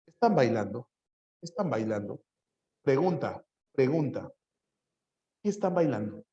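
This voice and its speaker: A man's voice: a little high, darkish tone, dull audio. A man teaching psychology in a classroom, repeating phrases and firing questions at his students. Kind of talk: lively classroom lecture.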